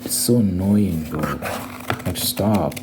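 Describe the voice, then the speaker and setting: In a noisy recording with clicking sounds, a young man with a deep voice rambles slowly through an ASMR video. His talk is casual, slangy, and full of complaints.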